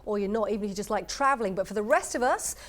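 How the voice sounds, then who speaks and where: A woman's voice: mid-range voice, animated, racing. A woman co-hosting a morning show, moving between breezy presenter links and chat.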